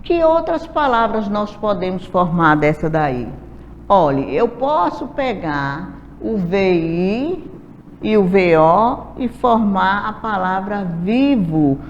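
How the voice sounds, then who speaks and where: Slow, patient woman teacher. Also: medium pitch, very animated. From Brazil. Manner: patient, drawn-out, sounds out letters one by one. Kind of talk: slow classroom lesson, spelling out syllables. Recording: dull lo-fi audio, faint hiss, reverberant room.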